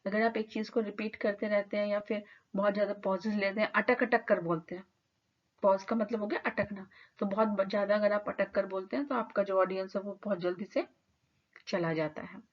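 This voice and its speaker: A woman teacher lecturing students in a clear, explanatory way, mixing English terms into her speech. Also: mid-range voice, steady tone, fairly quick. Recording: slightly dull lo-fi audio.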